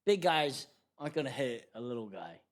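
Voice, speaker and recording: In a podcast studio, a young adult man appearing as a guest comedian tells a rowdy story in a casual, animated way. His mid-range voice moves at a moderate pace, he swears freely, and he yells when acting out quotes.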